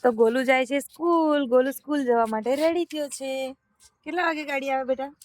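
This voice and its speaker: A woman's voice: high voice, normal speed, darkish tone, no echo. Chatty mother vlogging at home. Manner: chatty, coaxing children with questions. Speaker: vlog host and mother. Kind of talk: casual family vlog chat.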